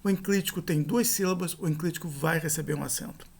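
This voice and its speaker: Lecturing on grammar, this high-voiced male teacher has a gravelly, breathy edge. He breaks each rule into steps, repeats the key terms, and slows sharply to sound out each example word.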